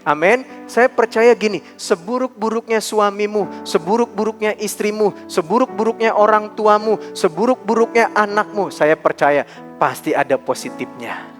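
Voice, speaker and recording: A male pastor preaching a lively sermon, calling for responses from the congregation and acting out quoted voices. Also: high-pitched, moderate pace, faint music behind. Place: church service.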